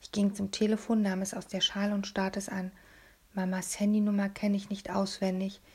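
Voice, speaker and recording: Husky, gravelly woman narrating an audiobook. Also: mid-range voice, monotone, moderate pace. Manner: hushed, often half-whispered, confiding. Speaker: audiobook reader. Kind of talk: first-person audiobook narration.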